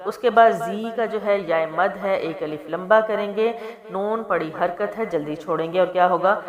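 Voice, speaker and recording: A woman teaching Quran recitation, explaining each letter patiently and then chanting the verses slowly and melodically. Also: medium pitch, lo-fi sound, a crowd in the background. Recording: echoey room with long reverb.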